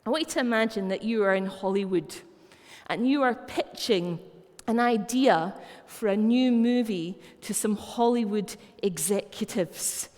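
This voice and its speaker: A woman's voice: medium pitch, measured pace, darkish tone. Scottish woman preaching in a reverberant church. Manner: conversational, anecdotal storytelling. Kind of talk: sermon. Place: church hall.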